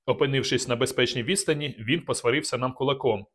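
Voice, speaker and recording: A man narrating a first-person adventure novel aloud, reading with dramatic, measured delivery. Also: medium pitch, fairly bright tone. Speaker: audiobook narrator. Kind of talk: scripted narration.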